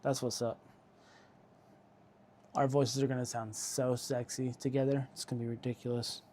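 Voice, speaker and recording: A man's voice: medium pitch, level tone, normal speed, a little mellow. A man hosting a live repair stream, joking casually with viewers in chat while he works. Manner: reads viewer chat aloud and answers it. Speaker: electronics repair livestream host.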